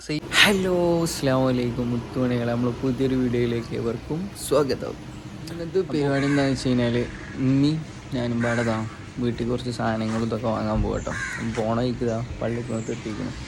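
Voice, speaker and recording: A man with a Malabar Malayalam accent talks casually to his phone camera as he goes about errands. His voice sits at a middling pitch, and outdoor noise and passing traffic run behind him. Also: steady tone, quick pace. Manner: chatty, teasing a small child in a raised playful voice. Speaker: family vlogger. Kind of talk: casual vlog narration. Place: outdoors, moving between shops and home. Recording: noisy outdoor phone recording.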